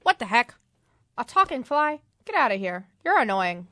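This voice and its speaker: A rude, dismissive rock bassist who snaps short and curt lines, as a woman acts him out in her own fairly high voice. The sound is dry and close. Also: very animated, normal speed, pushed and bright, no echo. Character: rude, dismissive famous male bass player.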